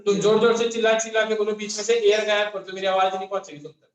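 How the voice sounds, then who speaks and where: A male physics teacher with a high-pitched voice lectures his class. He talks fast with little pitch movement, firing off questions and answering each himself. His voice rings in the echoey classroom.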